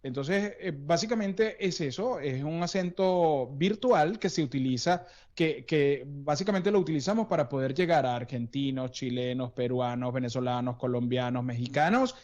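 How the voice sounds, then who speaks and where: A man's voice: medium pitch, normal speed, few pauses, darkish tone. A man who works as a voice coach, explaining things and telling stories in an interview, with frequent restarts. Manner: explanatory, anecdotal, many restarts. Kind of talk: interview conversation. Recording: dull lo-fi sound.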